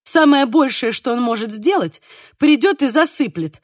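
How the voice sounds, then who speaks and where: A woman voicing an exasperated female relative who talks briskly and indignantly. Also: sits high, lively intonation, no room sound, studio quality.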